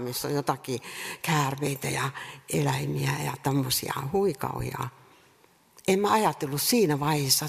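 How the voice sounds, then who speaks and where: A woman preaching a sermon earnestly, repeating rhetorical questions and pausing between phrases. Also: deep voice, creaky, breathy edge. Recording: reverberant hall sound.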